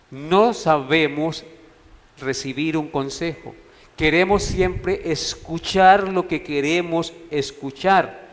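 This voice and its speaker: A man preaching a sermon at an unhurried, measured pace, his voice sitting a little high for a man. He drives points home by repeating key words one after another. The sound rings with long reverb from a church hall. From Colombia. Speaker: pastor. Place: church sanctuary.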